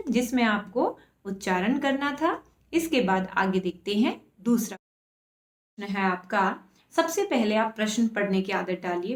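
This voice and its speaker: A woman teaching an online lesson to schoolchildren, patiently spelling out each word. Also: a little high. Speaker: Sanskrit teacher. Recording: roomy echo.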